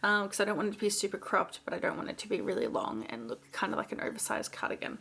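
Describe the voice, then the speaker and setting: A woman's voice: mid-range voice, lively intonation, fast, vocal fry, sharp tone, slightly rough. A woman with an Australian accent, chatting casually in a knitting vlog, rambling with lots of fillers and restarts. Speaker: knitting vlogger. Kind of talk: casual chat.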